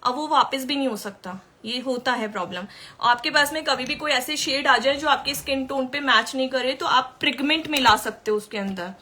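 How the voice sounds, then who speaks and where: A woman's voice: high voice, normal speed, sharp tone, slight background noise. A woman makeup artist teaching makeup in a chatty way during a live-stream tutorial, answering viewer questions as she works.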